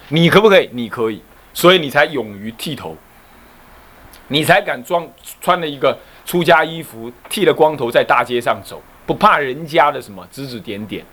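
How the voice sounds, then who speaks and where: Animated monk lecturing. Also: male voice, fairly high pitch. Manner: animated storytelling, rhetorical questions. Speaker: Buddhist abbot teaching. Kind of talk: Buddhist dharma lecture.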